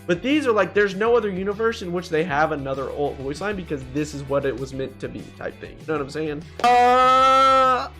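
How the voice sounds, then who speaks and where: Hosting a gaming video over background music, this man delivers casual, blunt, slangy ranking commentary. His voice is fairly high with a sharp tone, and he calls his viewers "bro."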